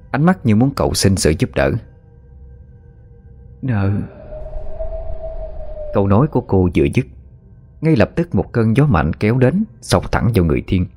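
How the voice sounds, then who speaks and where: A man narrating a spooky story in a steady, even manner. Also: fairly low pitch. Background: faint background music.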